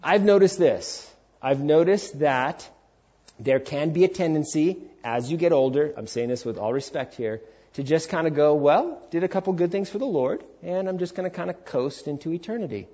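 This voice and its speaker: A man in his forties with a high, darkish, breathy voice preaches, heard through a muffled recording. He's emphatic and informal, using rhetorical questions and acted-out quotes alongside casual, conversational asides.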